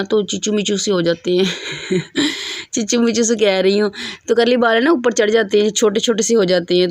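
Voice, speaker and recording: Young mother vlogger, woman, hoarse throat, warm chatty address to camera, dry close sound. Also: medium pitch, no room sound. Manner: chatty, affectionate, talks to camera. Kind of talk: casual home vlog narration. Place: family home indoors.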